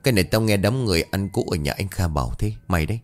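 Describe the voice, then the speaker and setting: A man's voice: low-pitched, expressive, racing, faint music behind. Man voicing a brash scolding young man. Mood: stern. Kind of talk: storytelling dialogue.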